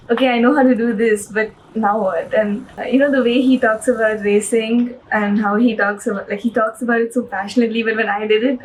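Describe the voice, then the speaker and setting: A woman's voice: fairly high pitch, slight background noise, poor audio. Chatty young-sounding woman footballer. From India. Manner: chatty and searching for words, with many "like"s. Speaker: football player. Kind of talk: interview answers.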